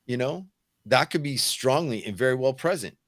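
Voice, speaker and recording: A man's voice: mid-range voice, animated, moderate pace, fairly bright tone, dry recording. A man hosting a podcast, chatting loosely and asking guests questions. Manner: conversational, asks questions, laughs easily. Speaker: podcast host. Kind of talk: casual chat.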